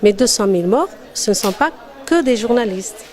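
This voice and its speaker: A woman's voice: a little high, expressive, normal speed, a little mellow, some chatter behind. A woman from Algeria, giving testimony as an interview guest in an emphatic, insistent manner. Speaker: interview guest, former university teacher.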